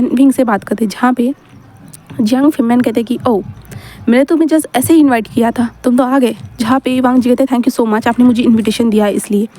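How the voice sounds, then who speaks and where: A woman's voice: on the high side, dark tone. A woman casually narrating a romance fan story, mixing Hindi with English words and quoting the characters' lines. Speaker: storyteller retelling fan fiction.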